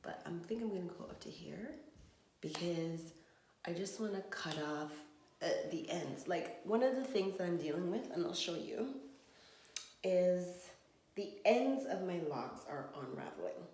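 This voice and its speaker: A woman's voice: fairly low pitch, big pitch swings, unhurried, a little mellow, slight background noise. A woman vlogging on her phone from her bathroom, rambling in a frustrated, trailing way. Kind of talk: casual vlog monologue. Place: home bathroom. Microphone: phone camera. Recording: echoey bathroom phone recording.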